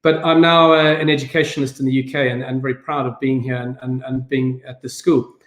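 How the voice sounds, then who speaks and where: Middle-aged South African man, headteacher, relaxed presentation, roomy video-call sound. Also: medium pitch, brisk. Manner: friendly, informal, with fillers and restarts. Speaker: school head. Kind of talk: virtual event talk.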